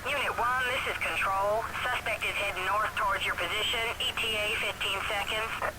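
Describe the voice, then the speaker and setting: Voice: medium pitch, fairly even intonation, moderate pace. A police radio dispatcher. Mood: businesslike. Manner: clipped, procedural radio orders. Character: calm police radio dispatcher in a chase game. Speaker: police dispatcher called Control. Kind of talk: 1990s video game voice acting. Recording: game audio under loud noise.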